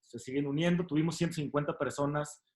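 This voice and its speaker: Host: man, slightly high voice, halting Q&A moderator on a video call, echoey room. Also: steady tone, darkish tone, slight background noise. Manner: switches between English and Spanish, halting.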